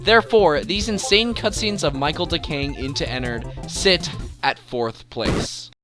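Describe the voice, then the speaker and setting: This man's voice is on the high side, pushed and bright, and he keeps a measured pace. As the creator and host of a scripted top-ten countdown, he delivers enthusiastic, emphatic commentary with music behind him.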